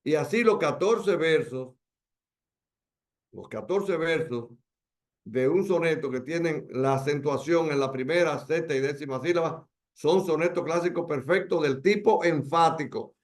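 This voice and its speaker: Teaching a poetry workshop via video call, a fairly high-pitched man with a Dominican Spanish accent is emphatic, repeats important words, and slows down to drive them home.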